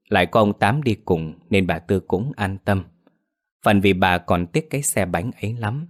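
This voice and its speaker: A man narrating a scripted horror story in a steady, measured way. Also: low voice.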